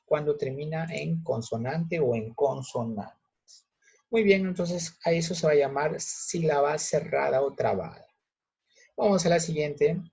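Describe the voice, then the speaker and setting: Husky gravelly male teacher, muffled recording. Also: a little high, darkish tone. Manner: patient, checks in with students with quick questions. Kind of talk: explaining a grammar lesson step by step.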